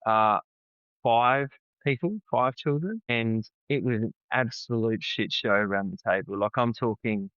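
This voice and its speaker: A man's voice: mid-range voice, unhurried, fairly bright tone, smooth, dry recording. Earnest man telling stories. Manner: earnest, repeats words as he restarts. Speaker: podcast guest, founder of a family program. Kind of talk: conversational storytelling. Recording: slightly dull, dry podcast audio.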